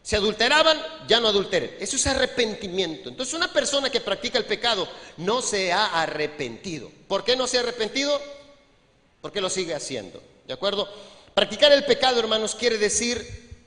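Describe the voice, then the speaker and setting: A man's voice: high voice, big pitch swings, brisk, pushed and bright. A man preaching a sermon as pastor, conversational and joking, talking to the congregation and acting out little scenes. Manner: conversational, humorous preaching with frequent asides to the congregation; acts out little scenes with voices. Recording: long hall reverb from a church.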